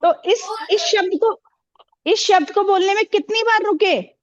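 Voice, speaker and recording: A woman's voice: very high voice, unhurried, highs cut off. A woman teaching a classroom, asking the pupils questions and repeating their answers with encouragement.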